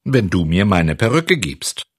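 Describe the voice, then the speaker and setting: Brief: male reader as a jittery old carpenter, blustery, low and husky. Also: sing-song, unhurried, no echo, studio quality, exaggerated voice. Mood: quarrelsome. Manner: nervous bluster. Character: timid bristly-haired old male carpenter.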